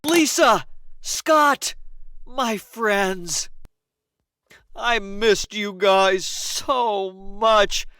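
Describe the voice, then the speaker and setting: Effusive coworker, slow, mid pitch, dry recording. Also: clear, resonant tone, no echo. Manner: excitable, effusive. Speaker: returning coworker in a sitcom. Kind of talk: sitcom acting.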